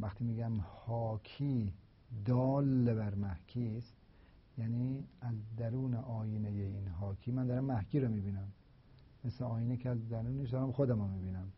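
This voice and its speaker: A man lecturing on philosophy of language, explaining slowly and deliberately with repeated examples. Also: fairly low pitch, slightly rough. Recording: dull, lo-fi recording.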